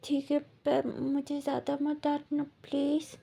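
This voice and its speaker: A woman voicing a gentle, protective young husband who speaks softly and coaxingly in a retold fan story. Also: sits high, completely flat delivery, a little slow, creaky, voice pushed up, exaggerated voice.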